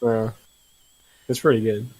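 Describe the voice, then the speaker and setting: A man's voice: on the low side, little pitch movement, unhurried, a little mellow. A young man co-hosting a podcast, chatting casually and needling his friends with teasing banter. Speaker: podcast co-host. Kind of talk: casual chat.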